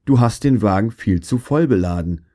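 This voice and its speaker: A man's voice: fairly low pitch, animated, moderate pace, mellow, natural voice. A man doing a grumbling, fault-finding old craftsman. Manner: grumbling, scornful.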